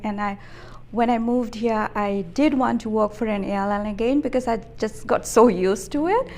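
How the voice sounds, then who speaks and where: A woman in her fifties from Fiji, an executive answering interview questions in a measured, thoughtful way with frequent hesitations. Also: medium pitch, darkish tone. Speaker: interview guest, business executive.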